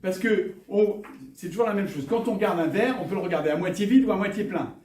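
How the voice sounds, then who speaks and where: Preacher, man, high voice, heard from far off in a reverberant church hall; lively, rhetorical delivery. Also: fast talker. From northern France. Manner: lively, rhetorical questions, jokes with the congregation. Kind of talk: sermon. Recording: echoey church hall, from afar.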